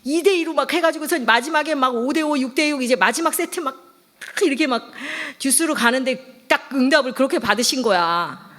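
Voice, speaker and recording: A middle-aged woman, a pastor's wife, preaching a sermon through a lively personal story and acting out the voices she quotes. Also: high-pitched, fairly quick. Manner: lively, acts out quoted voices, laughs often.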